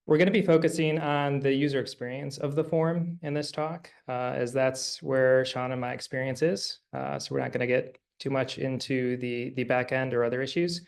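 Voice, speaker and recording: A man's voice: mid-range voice, vocal fry. Man in his forties giving an earnest talk. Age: 40s. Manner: earnest, emphatic, with some fillers. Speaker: UX designer presenting. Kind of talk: conference presentation.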